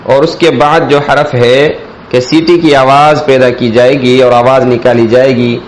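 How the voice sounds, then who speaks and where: The audio is poor, but a man can be heard teaching the alphabet at a slow, instructional pace. His voice is medium in pitch and level in tone, and he carefully stretches the sounds as he explains each letter.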